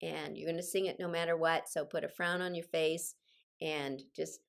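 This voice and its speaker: An older woman recovering from a cold runs a group singing session over video, encouraging and directing her singers as choir leader and vocal instructor, with personal asides mixed in. Her voice sits low and creaky, delivered flatly at a moderate pace.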